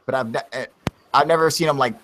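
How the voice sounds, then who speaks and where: A man's voice: medium pitch, quick pace, a bit bright. A man hosting a livestream in casual, profane chat, laid-back and calling everyone dude. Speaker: livestream host.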